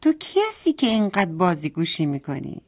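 A woman's voice: lowish voice, sing-song. A woman voicing a curious, restless young boy turtle in a bedtime story, with a wistful, pleading manner. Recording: tinny phone-like sound.

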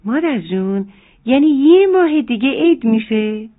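Storybook role: a sweet little girl, raised pitch, curious and polite, lo-fi phone-like audio, done by the narrator. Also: expressive. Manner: curious, polite, wondering questions. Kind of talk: children's storybook reading. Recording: narrow phone-like sound, faint music.

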